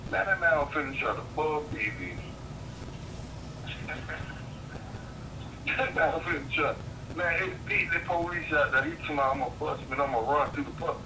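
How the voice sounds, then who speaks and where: A man's voice: a little high, unhurried, pauses often, distant mic, noisy background. A man in a casual phone chat, heard over a phone line, telling rambling, slangy, profane stories.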